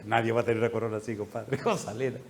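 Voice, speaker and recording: A male pastor preaching a sermon, telling a story with lively laughter and acted-out voices. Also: fairly low pitch, very fast. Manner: animated, laughing, acting out quoted voices.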